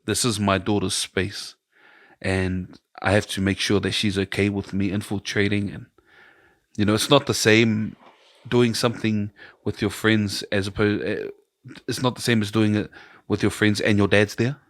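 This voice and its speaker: This New Zealand podcast host, a middle-aged man, has a lowish, level voice and a moderate pace. He tells long, rambling stories in a casual chat, imitating the voices of those he quotes, on a dry, studio-quality recording.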